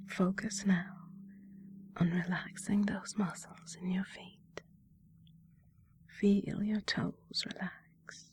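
A woman whispering slow, soothing guided relaxation instructions as a hypnotist. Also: mid-range voice.

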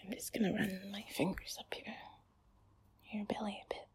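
Whispering, giggly woman, husky and low-key. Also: flat delivery, normal speed. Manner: soft whispering with frequent giggles and sighs. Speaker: ASMR creator. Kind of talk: whispered ASMR chat.

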